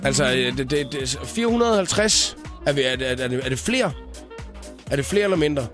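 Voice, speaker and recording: A man's voice: medium pitch, animated. A man hosting a radio show, bantering and teasing his guest in casual chat, with music playing underneath. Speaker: radio host.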